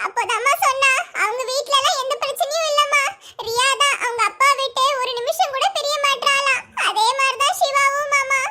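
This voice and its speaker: A woman's voice: extremely high pitch, steady tone, a little fast. A woman voicing a worried, weepy young mother in a cartoon, speaking with a Tirunelveli Tamil accent. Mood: tearful. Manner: weepy, pleading. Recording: noisy cartoon voice track.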